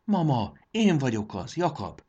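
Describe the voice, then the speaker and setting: A man's voice: fairly low pitch, sing-song, breathy edge, highs cut off, pitched above the performer's own voice, exaggerated voice. A man voicing a brave, homesick young boy who speaks earnestly in a storybook reading.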